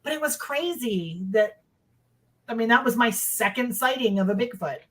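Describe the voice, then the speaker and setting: A woman's voice: fairly high pitch, lively intonation, normal speed, a bit bright. A middle-aged woman tells a personal story in a casual, conversational way. She is emphatic and repeats phrases for effect. She speaks from indoors over a video call. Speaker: guest recounting sightings.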